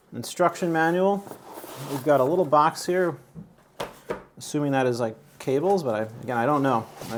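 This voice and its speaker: A man's voice: mid-range voice, slight background noise. A man hosting his own channel, talking casually through an unboxing and review with lots of fillers, restarts and asides. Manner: rambling, chatty, many fillers and restarts. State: out of breath. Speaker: YouTube channel host.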